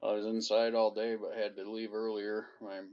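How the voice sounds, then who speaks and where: A man running an amateur radio net as net control, heard over a radio transmission, steady and courteous with formal call procedure. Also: on the low side, moderate pace, smooth. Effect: heard over a ham radio transmission. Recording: dull lo-fi radio audio.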